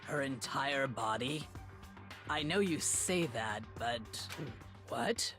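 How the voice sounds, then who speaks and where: A woman playing a big, strong, honourable young woman in an anime game, grave and deliberate. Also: a bass voice, animated, exaggerated voice. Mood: shaken. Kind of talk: dubbed anime game acting. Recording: music clearly behind the voice.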